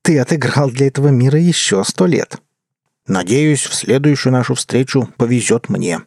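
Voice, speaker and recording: A man's voice: medium pitch, lively intonation, normal speed, a little mellow, no room sound, clean studio sound, pitched above the performer's own voice. A man voicing a scornful otherworldly male tempter who taunts and warns, in an audiobook. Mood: taunting. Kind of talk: audiobook character voice.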